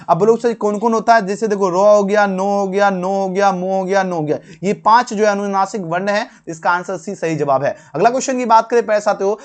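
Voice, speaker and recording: A man walking through an exam answer key, repeating each question, calling viewers dear friends, his talk full of fillers. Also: sits high. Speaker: teacher.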